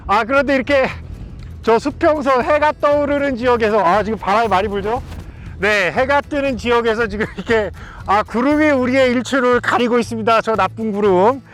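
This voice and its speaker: A man's voice: very high voice, a little fast, a bit bright, rough recording. A man hosting a travel vlog outdoors on a mountain, presenting in a polite, formal style with frequent exclamations of wonder. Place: outdoors on a windy mountain top.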